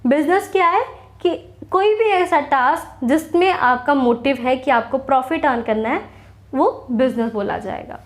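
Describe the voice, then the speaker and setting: A young woman with an Indian accent teaching accounting, explaining slowly and asking her class questions that she then answers herself. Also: high-pitched. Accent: Indian English. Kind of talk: classroom lecture.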